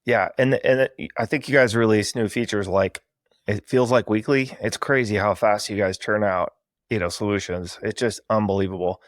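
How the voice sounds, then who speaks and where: A man's voice: on the low side, steady tone, moderate pace, no room sound, clean studio sound. A man hosting an interview podcast, chatting enthusiastically and heaping praise on his guest in a casual, effusive way. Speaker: podcast host.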